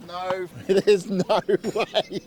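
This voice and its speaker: A man's voice: high voice, level tone, very slow. A man in casual banter, laconic and slangy. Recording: noisy outdoor trackside, vehicles behind.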